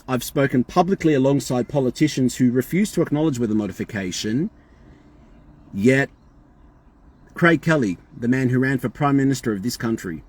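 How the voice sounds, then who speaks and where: A man's voice: mid-range voice, darkish tone, breathy edge. An Australian man calling a hotline, talking in an insistent, emphatic and repetitive way. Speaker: caller. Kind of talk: phone call complaint.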